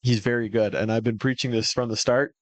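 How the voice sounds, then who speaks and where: A man co-hosting a laid-back sports podcast. He talks in an animated, profane ramble with many fillers. The sound is dry and close, with no room around it. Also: mid-range voice, fairly quick, no room sound. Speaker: podcast co-host. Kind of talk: casual sports chat.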